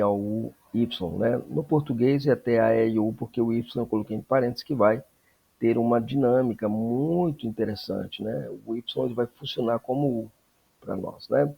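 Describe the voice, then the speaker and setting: A man teaching a Greek lesson, explaining slowly and checking in with frequent tag questions. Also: mid-range voice, gravelly, husky, lo-fi sound. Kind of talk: classroom lesson.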